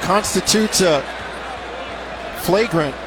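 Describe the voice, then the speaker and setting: Behind this slow-paced, high-pitched play-by-play man, the basketball arena crowd and bouncing balls carry courtside noise. He calls the game live in short, clipped phrases.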